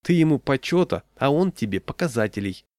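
A man's voice: mid-range voice, big pitch swings, brisk, darkish tone, dry recording, pitched above the performer's own voice, natural voice. A man voicing a sarcastic, legally savvy neighbor who mocks and jeers, recorded dry and close. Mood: jeering. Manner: mocking, jeering. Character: sarcastic neighbor, savvy about civil rights.

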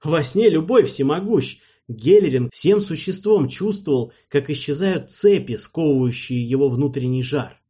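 A man narrating an audiobook in a measured, storytelling manner, with a husky voice. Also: fairly high pitch, expressive, dark tone.

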